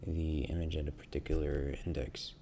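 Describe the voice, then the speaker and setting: A man's voice: a bass voice, little pitch movement, normal speed, noisy background. A man hosting a coding tutorial, hesitantly thinking aloud through source code with many fillers. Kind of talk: screen-recorded coding walkthrough.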